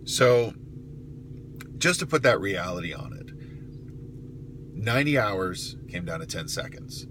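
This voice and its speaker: A middle-aged man with a very low voice talks casually, as if explaining his job to viewers. He is matter-of-fact and emphatic, breaking his sentences into halting pieces. Clear vehicle noise runs behind him. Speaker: private investigator telling of the job. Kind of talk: casual vlog monologue with storytelling. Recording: clear steady car noise.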